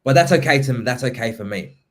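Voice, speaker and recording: A man from Somalia, hosting a casual podcast interview and speaking haltingly, with many restarts and repeated words. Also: medium pitch, lively intonation. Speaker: podcast host, writer and poet.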